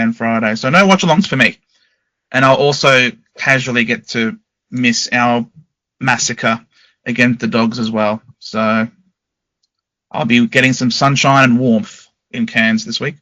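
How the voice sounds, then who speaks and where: An Australian man co-hosts a footy podcast, talking through the game in an animated, opinionated way. His voice is bright and sharp. It is recorded dry and close. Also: mid-range voice, normal speed, dry recording, rough recording. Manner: animated, opinionated match talk. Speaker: podcast co-host. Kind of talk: casual footy podcast chat.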